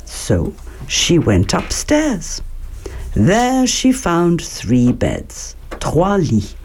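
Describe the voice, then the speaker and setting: Slow, lively storyteller woman. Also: fairly low pitch. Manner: slow, expressive, clearly paced. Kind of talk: children's story reading with French translations.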